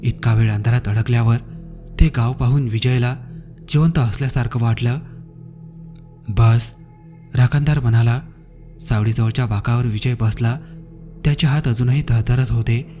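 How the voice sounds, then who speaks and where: A man telling a scripted horror story in short, dramatic phrases with pauses. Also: mid-range voice, fairly even intonation, dark tone, faint music behind.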